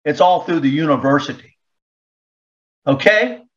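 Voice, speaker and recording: A man with a somewhat high voice hosts an opinion talk show, talking in a sarcastic and indignant way. He breaks off reading excerpts to comment on them. The audio is dull and lo-fi. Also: unhurried.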